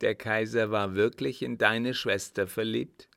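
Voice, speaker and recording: A man's voice: fairly low pitch, fairly even intonation, measured pace, gravelly, fairly bright tone, clean tone, dry recording, clean studio sound. A man reading a storybook voices an astonished male companion asking eager questions. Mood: curious.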